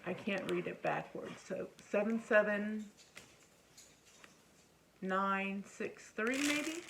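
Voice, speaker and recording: A middle-aged woman casually showing her things to camera as a vlogger, speaking hesitantly and often trailing off or correcting herself. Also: on the low side. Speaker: crochet vlogger. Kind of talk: casual rambling show-and-tell to camera. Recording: faint background noise, occasional chair creaks.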